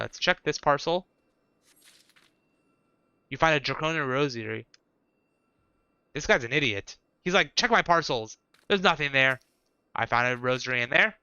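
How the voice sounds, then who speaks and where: A man's voice: fairly high pitch, bright, forceful tone, clear, resonant tone, dry recording. A man chatting casually with viewers while streaming a video game. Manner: chatty, talks to chat viewers. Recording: dull lo-fi stream audio.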